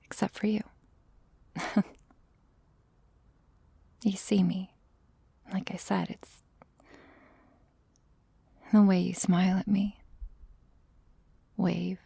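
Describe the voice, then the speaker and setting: A woman playing an obsessive, possessive young woman who holds a man captive, talking in a soft, menacing, profane whisper for an audio roleplay. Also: medium pitch, little pitch movement, very slow, gravelly, long pauses, breathy edge, no echo, heavily acted. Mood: tender, obsessive. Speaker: voice actor.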